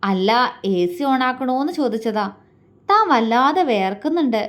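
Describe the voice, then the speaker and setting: A soft-spoken young man who answers quickly and gently, calm and reassuring, as a woman narrator puts him on. He belongs to a storybook romance read aloud, in a fairly high voice. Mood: gentle.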